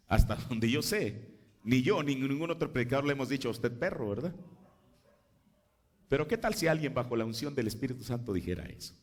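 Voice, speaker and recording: A man from Mexico preaching a sermon, who swings between quiet, low passages and loud, high bursts of emphasis, and acts out biblical dialogue in changing voices. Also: animated, moderate pace, long pauses.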